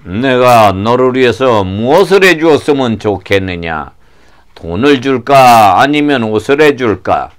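A man voicing a calm, kindly savior figure in a children's puppet show, speaking slowly and solemnly. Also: mid-range voice, clear, resonant tone, voice pushed down, lightly acted. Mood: gentle. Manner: slow, solemn and soft-spoken.

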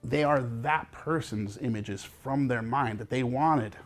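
A man's voice: medium pitch, slow. A man, a festival founder, speaking earnestly and with feeling in a news interview. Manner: earnest, emotional, conversational.

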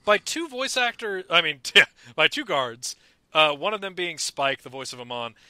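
Bright-voiced excitable young man. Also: on the high side, no echo. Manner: excitable, quick to do mock voices. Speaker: podcast co-host. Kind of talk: casual chat about a cartoon.

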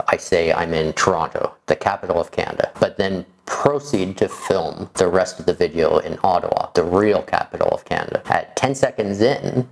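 A man in his forties speaking in a measured, explanatory way to camera, as a video creator, in a room indoors. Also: low voice, vocal fry. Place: small furnished room indoors.

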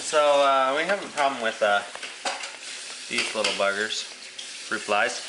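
A man's voice: medium pitch, measured pace. A young man from Iowa chatting playfully as a vlogger on his farm and in the car. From Iowa, USA. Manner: playful, chatty, jokey with animals. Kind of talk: casual vlog chat. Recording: loud background noise from chickens and traffic. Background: chickens clucking, vehicle noise.

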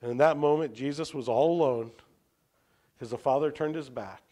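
A man preaching a sermon as a pastor, posing rhetorical questions and swinging between emphatic lines and hushed ones. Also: medium pitch, brisk.

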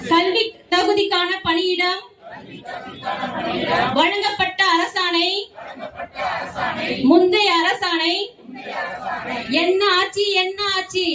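A woman leading a protest through a megaphone, chanting each slogan twice in a steady rhythm. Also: extremely high pitch, very slow, long pauses, noisy background. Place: outdoor street protest. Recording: echoey, distant, loud crowd around.

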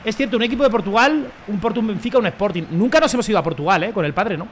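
Excitable young Spaniard commentating his gameplay. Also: high-pitched, rapid-fire, slight background noise. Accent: Spain Spanish. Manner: excitable, shouts at goals, slangy and swearing. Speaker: gaming YouTuber.

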